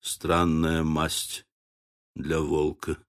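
A man voicing a grim, gruff frontier trapper in a low, hushed voice in an audiobook. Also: measured pace. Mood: wry. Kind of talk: audiobook character voice.

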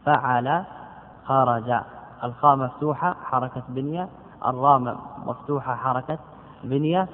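A man's voice: mid-range voice, normal speed. A man teaching a classical grammar lesson, explaining step by step, repeating key words and asking and answering his own questions. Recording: tinny lo-fi recording with long hall reverb.

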